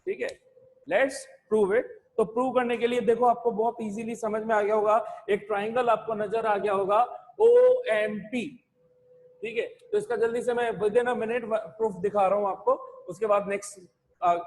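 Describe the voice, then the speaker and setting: A man with a high voice teaches physics at a slow, deliberate pace, dictating terms word by word and asking the class rhetorical questions. He switches between Hindi and English as he lectures. The sound carries a long reverb, as in a large hall.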